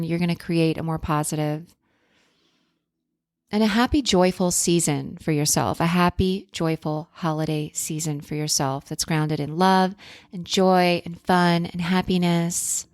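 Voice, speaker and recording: A woman's voice: on the low side, steady tone, a little slow, a little mellow, dry recording, studio quality. A woman hosting a podcast in a self-help influencer style, speaking casually and earnestly with spiritual encouragement and affirmations.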